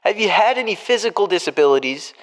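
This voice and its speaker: A man's voice: high-pitched, lively intonation, fast talker. A man reading the part of a formal prison interviewer in a murder mystery game, sticking to scripted questions. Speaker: podcast host.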